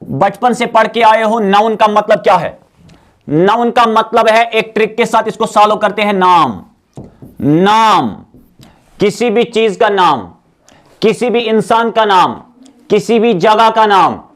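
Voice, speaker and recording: A man's voice: high voice, a little slow. A man teaching an exam-prep grammar lecture, coaxing his students as he asks questions and answers them himself. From Jammu and Kashmir. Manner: calls the viewers child and dear students.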